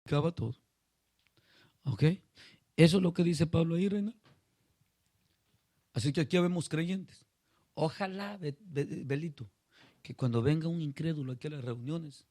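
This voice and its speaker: Man, pastor, informal sermon, higher voice, dry sound, calls listeners by name. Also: mellow, dry recording. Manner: addresses listeners by name, asks them questions; retells a story acting out voices. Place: small congregation meeting.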